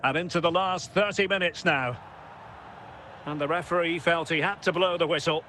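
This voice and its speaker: A man calling a football match play by play in brisk bursts, naming players as the ball moves, recorded in a studio and played from a game. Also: fairly high pitch, sharp tone, slight background noise. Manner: brisk calls of player names. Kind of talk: sports commentary.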